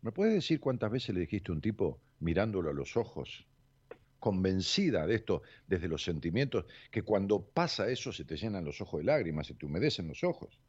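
A man's voice: sits low, very animated, fairly quick, a little mellow, husky. A man with an Argentine accent counseling someone one-on-one, talking bluntly and emphatically, swearing and pressing with repeated questions. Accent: Argentine Spanish. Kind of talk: confrontational one-on-one counseling session. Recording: dull lo-fi sound.

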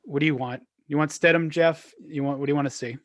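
A man with a somewhat high voice talks sports casually as a podcast co-host. He rambles, circles back and leans on fillers. The sound is dry and close, with no room echo. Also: fairly even intonation, fast. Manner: rambling, filler-heavy, restarts often.

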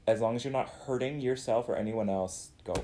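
A man's voice: medium pitch, a little fast, mellow. A man co-hosting a podcast, talking earnestly and reflectively in casual chat, often searching for words. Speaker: podcast co-host.

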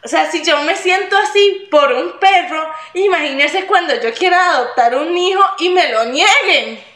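A young woman with a Costa Rican accent telling a story in casual chat, acting out her own wailing in a high strained voice. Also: lively intonation, moderate pace, a bit bright, echoey room. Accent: Costa Rican Spanish. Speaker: podcast co-host.

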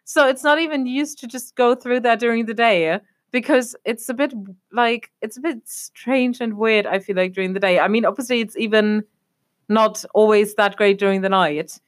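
A woman's voice: on the high side, moderate pace. A young adult woman from Germany chatting casually as a podcast co-host, rambling and leaning on fillers like "obviously.". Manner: rambling, leans on fillers like "obviously" and "a whole thing". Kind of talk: casual chat.

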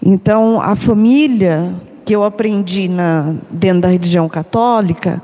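A woman's voice: medium pitch, unhurried, dark tone. A woman with a Brazilian accent sharing personal thoughts in a discussion, hesitant and checking in with tag questions. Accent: Brazilian Portuguese. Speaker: discussion participant. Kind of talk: personal reflective talk. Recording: long reverb in a room.

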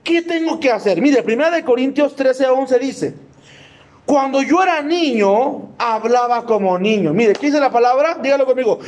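A man preaching a sermon in a church, emphatic and humorous, often asking the congregation yes-or-no questions and mimicking people. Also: very high-pitched.

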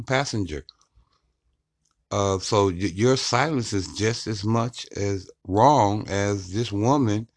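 A man co-hosting a casual commentary podcast, speaking in a measured way with frequent fillers. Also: lowish voice, no room sound, clean studio sound. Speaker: podcast co-host.

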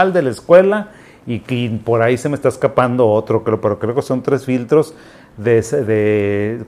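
A man's voice: medium pitch, a little mellow. A man with a Mexican accent, a doctor explaining things to parents in a conversational, advice-giving way. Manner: conversational, explanatory, acts out quotes.

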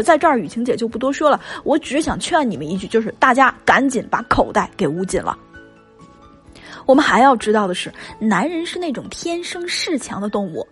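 A woman coaching her listeners on relationships in a chatty, emphatic spoken lesson full of rhetorical questions. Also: fairly high pitch.

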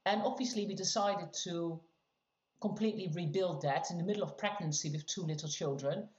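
A middle-aged woman from the Netherlands, telling a personal story as a podcast guest in an animated, laughing way. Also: lowish voice, fairly quick. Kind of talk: casual storytelling chat. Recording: roomy, slightly dull sound.

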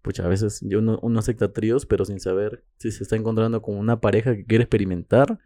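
Mellow-voiced man telling stories. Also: on the low side, steady tone, quick pace, no echo. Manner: rambling anecdote with frequent giggles and fillers. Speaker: podcast co-host. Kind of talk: casual storytelling in a podcast.

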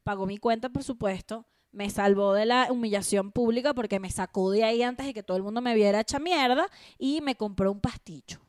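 A young woman co-hosting a podcast at home, telling a story in an animated, crude, self-mocking way. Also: a little high, brisk, few pauses, no room sound, studio quality. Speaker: podcast co-host. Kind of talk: casual storytelling chat.

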